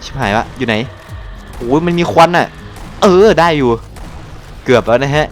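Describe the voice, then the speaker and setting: Brief: young gaming host, excitable running commentary, swears and exclaims often, soft music underneath. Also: male voice, mid-range voice, normal speed. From Thailand. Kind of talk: casual live gameplay commentary.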